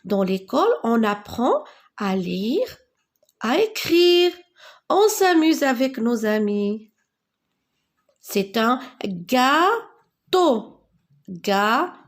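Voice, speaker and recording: A woman teaches a beginners' reading lesson, speaking with unusual slowness. Her voice sits a little high, and she spells out sounds letter by letter, then repeats each word patiently. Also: big pitch swings. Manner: slow, clearly spelled-out words, repeats for learners. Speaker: French teacher. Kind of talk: slow classroom reading lesson.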